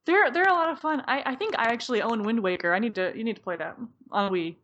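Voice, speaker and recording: A young woman co-hosting a podcast in casual chat, giggly and excitable, with quick bursts of delight. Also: fairly high pitch, lo-fi sound. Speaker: podcast co-host.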